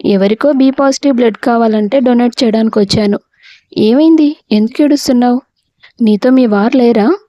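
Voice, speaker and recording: A woman voicing a kind male cousin who speaks gently and with concern. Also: fairly high pitch, moderate pace, no room sound, dull audio, lightly acted.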